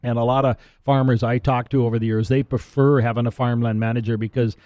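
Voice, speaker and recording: Middle-aged guy hosting farm talk radio, warm mellow voice, dry close sound, rambles and restarts a lot. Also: mid-range voice, level tone, fast talker, no echo. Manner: rambling, restarts and repeats words. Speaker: radio show host and land auctioneer.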